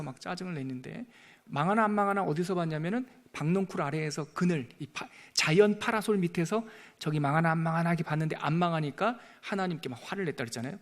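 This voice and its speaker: A male pastor teaching a Bible lesson in a lively, playful way, acting out the scripture's dialogue as he goes. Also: high voice.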